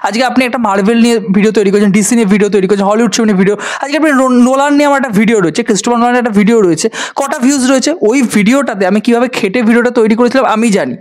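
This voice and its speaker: A man's voice: extremely high pitch, rapid-fire, few pauses. A man, a film-review vlogger ranting sarcastically to camera and scolding his critics. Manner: sarcastic, scolding, addresses viewers directly. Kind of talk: ranting direct-to-camera vlog.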